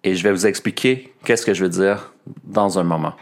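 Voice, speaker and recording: A man's voice: sits low, moderate pace. A man hosting a French pronunciation lesson podcast, explaining patiently and repeating words to demonstrate their sounds. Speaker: French teacher and podcast host.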